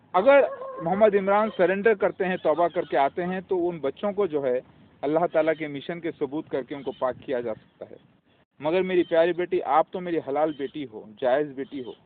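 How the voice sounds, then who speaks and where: A man giving a long preachy personal message in a pleading tone, calling the listener his daughter and now and then shouting at barking dogs. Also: a little high. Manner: shouts at barking dogs, breaks off mid-phrase. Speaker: self-proclaimed religious claimant. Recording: phone-like lo-fi with faint noise.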